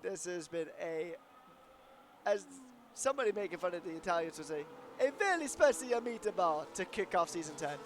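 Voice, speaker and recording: A man's voice: on the high side, brisk, slight background noise. A man commentating a sim racing league, chatting through pit strategy and tyre choices. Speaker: race commentator.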